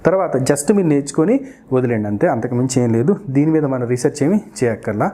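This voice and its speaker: A woman's voice: a bass voice, animated, fast, warm tone. A woman teaching a spoken English pronunciation lesson, patiently repeating each sound in a drill and explaining it directly to her learners.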